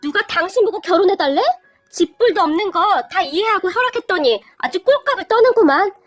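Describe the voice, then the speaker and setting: A woman's voice: extremely high pitch, very animated, fairly quick, dry recording, soft background music. A woman voicing a stubborn young daughter who talks back with sarcastic, cutting remarks.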